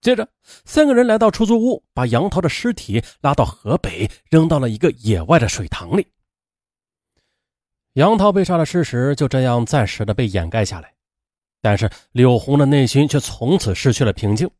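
A man narrating a true-crime story dramatically, in a colloquial manner with drawn-out particles. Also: no echo, clean studio sound. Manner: animated, acts out women's lines in a high strained voice.

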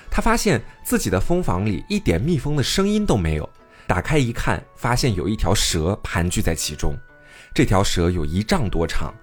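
A man retelling an old folk tale in a casual, chatty way, adding his own remarks. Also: on the low side. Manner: lively, chatty, comments with laughter. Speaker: storyteller host. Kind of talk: casual storytelling.

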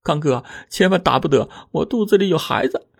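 A man's voice: a little high, expressive, a little fast, vocal fry, husky, pitched above the performer's own voice, exaggerated voice. A man voicing a frightened young village wife who pleads through tears. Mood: tearful pleading. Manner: tearful, pleading.

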